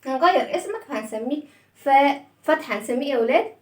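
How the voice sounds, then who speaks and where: A woman's voice: sits high, animated, very fast, roomy sound, far from the mic. A woman with an Egyptian Arabic accent teaching young children letter sounds through a story, stretching out each sound in a sing-song way and praising often. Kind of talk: storytelling phonics lesson for children.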